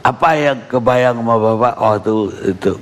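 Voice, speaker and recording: A man's voice: mid-range voice, moderate pace, a little hiss or hum. A man from Indonesia interviewing a guest on a talk show, prompting him with short questions.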